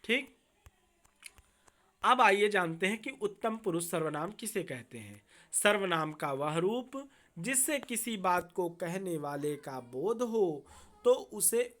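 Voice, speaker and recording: A woman teacher explaining a grammar lesson to students, slow and deliberate, often checking in with a quick "okay" and repeating key terms. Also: medium pitch.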